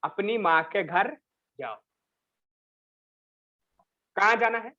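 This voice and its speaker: High-voiced teacher, slow and lo-fi. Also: male voice, animated, bright, forceful tone. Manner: reads English sentences slowly, then explains them in Hindi. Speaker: English teacher. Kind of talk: bilingual class explanation.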